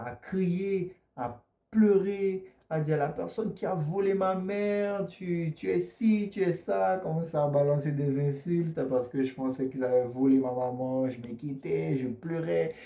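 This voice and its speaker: A man answers interview questions earnestly, often stumbling and repeating himself mid-sentence. His voice is dark and mellow, and the recording has a roomy echo around it. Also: fairly high pitch, unhurried. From French Guiana. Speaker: interview guest.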